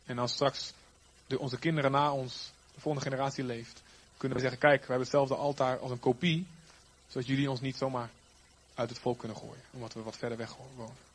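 A man preaching a sermon, swinging from loud, emphatic lines to quiet, trailing ends. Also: medium pitch, flat delivery, brisk, breathy edge.

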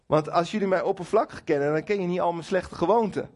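Man, middle-aged, sermon, husky, emphatic, direct address to congregation. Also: high-pitched, quick pace. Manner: lively, emphatic preaching with acted quotes to God; addresses listeners directly, with humour about his marriage. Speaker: preacher. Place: church hall before a congregation.

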